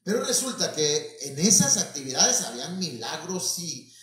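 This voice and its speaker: A man's voice: on the high side, sing-song, normal speed, fairly bright tone. A man, preaching a storytelling sermon as pastor and calling his listeners brothers, with many fillers. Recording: echoey church from far off.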